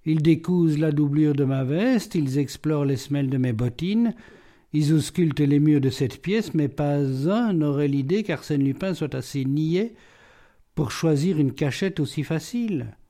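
A man reading an audiobook, voicing a witty, mocking, self-assured gentleman burglar held in a cell. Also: fairly high pitch, measured pace. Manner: playful, ironic, self-assured.

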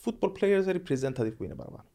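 A man's voice: high voice, sing-song, mellow. A man in his thirties with a Greek Cypriot accent, answering questions as a guest in a conversational interview. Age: 30s. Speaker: podcast guest, football agent.

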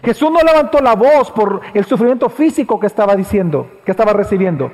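A man pastor preaching a sermon, repeating phrases for emphasis and swinging between loud high passages and low hushed ones. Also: lively intonation, quick pace, in a large hall. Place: church.

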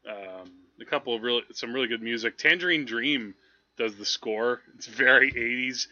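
A man with a mid-range voice and sharp tone talks at normal speed as a podcast host, discussing films casually. His talk rambles conversationally, and the recording sounds muffled.

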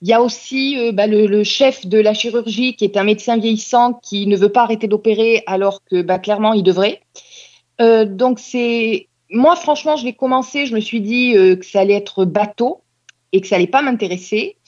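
A woman talks casually as a podcast co-host, pausing often on fillers as she recounts a series. Her voice sits a little high. The recording is somewhat dull and lo-fi. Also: a little mellow. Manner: chatty, many hesitations. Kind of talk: casual chat reviewing TV series.

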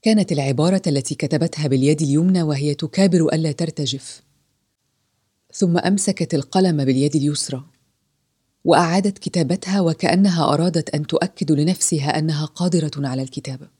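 A woman narrating a story in a slow, solemn, measured reading. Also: sits low, warm tone, husky.

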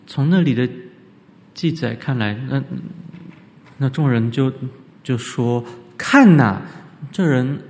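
A man giving an animated church lecture on scripture, often leaping up in pitch for emphasis. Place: church hall. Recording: reverberant church hall.

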